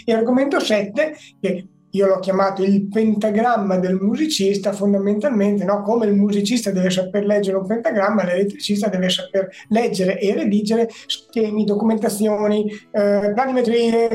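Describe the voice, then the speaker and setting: A man presents quiz material casually, explaining as he goes in an informal way. His voice sounds clearly echoey, as in a reflective room, with some music behind it. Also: high voice, fairly even intonation, moderate pace, few pauses, darkish tone. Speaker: guest quizmaster, electrical trainer.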